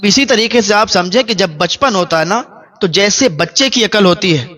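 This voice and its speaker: A man's voice: sits high, sharp tone. A man giving an emotional sermon, telling a story with emphatic repetition. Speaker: preacher.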